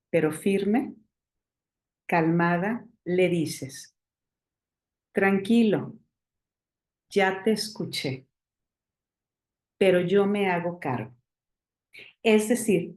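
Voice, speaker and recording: Slow-spoken woman coaching parents. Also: medium pitch, echoey room. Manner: warm, coaching, checks in with "¿sí?" and "ujú". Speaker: parenting expert guest. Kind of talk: explaining technique to a live audience.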